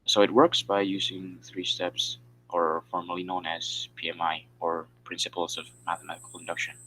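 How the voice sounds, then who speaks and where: A man's voice: low voice, level tone, moderate pace, sharp tone, a little hiss or hum, poor audio. A man giving a class presentation over a video call, explaining step by step with frequent fillers. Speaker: student presenter.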